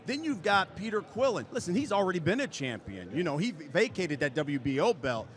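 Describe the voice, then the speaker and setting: A man's voice: high voice, very animated, fairly quick. An American man hosting a live boxing broadcast in a presenter's style. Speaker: sports broadcast host. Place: large arena atrium.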